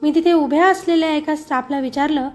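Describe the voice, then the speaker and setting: A woman's voice: high voice, fairly quick, darkish tone. A woman narrating a first-person story in the voice of a grieving mother, with emotion.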